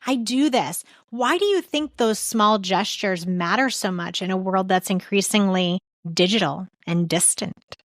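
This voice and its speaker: A woman's voice: medium pitch, a little slow, no echo, clean studio sound. A woman hosting a podcast interview who talks in a chatty way and stops to search for her words. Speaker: podcast host.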